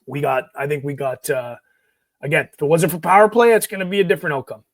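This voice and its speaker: A man's voice: on the high side, fast, no echo. A man co-hosting a casual sports podcast, talking in bursts and repeating words as he thinks. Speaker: podcast co-host.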